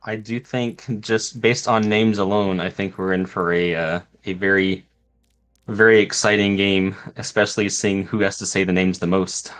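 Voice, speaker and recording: A man's voice: sits low, steady tone, normal speed, a bit bright. A man co-casting a video game match, chatting in a hesitant, self-deprecating way. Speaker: co-caster. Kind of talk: casual commentary banter.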